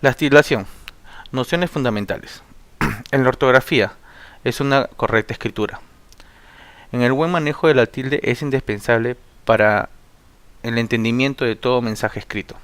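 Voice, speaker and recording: A man teaches a spelling lesson, reading rules from notes and slowly dictating example words one by one. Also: medium pitch, a bit bright, no echo. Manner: slow, word-by-word dictation of examples with occasional throat clearing.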